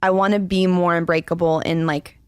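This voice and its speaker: A woman's voice: lowish voice, level tone, fairly quick, smooth, no room sound, clean studio sound. A woman in her twenties on a podcast, chatting with her best friend in a bubbly, gushing way and laughing often. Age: 20s. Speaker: podcast co-host, interviewee. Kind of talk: casual chat between friends.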